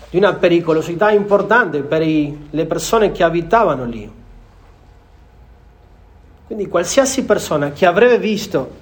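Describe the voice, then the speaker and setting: A man with a notably high voice delivers a sermon as a preacher. He speaks earnestly, restating key phrases for emphasis as he explains the passage to his listeners.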